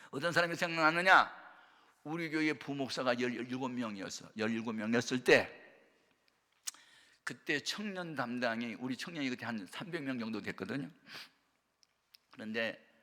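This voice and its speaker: An older male pastor preaches in a long-reverb hall, his voice gravelly and forceful. He tells stories and acts out the dialogue, breaking into sudden loud bursts. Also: medium pitch. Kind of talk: sermon.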